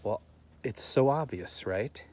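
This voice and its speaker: A man's voice: mid-range voice, animated, slow pace, a little mellow. A man hosting his own gardening channel, talking earnestly to camera from his garden and musing aloud with rhetorical questions. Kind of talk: reflective talk to camera. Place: home garden, outdoors.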